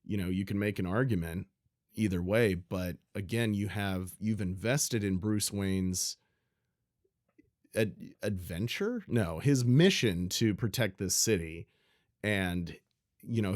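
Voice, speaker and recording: A man's voice: deep voice, a little mellow, dry recording, clean studio sound. A man co-hosting a podcast, chatting casually about a film in a rambling way, full of "you know" and restarts. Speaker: podcast co-host. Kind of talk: casual movie chat.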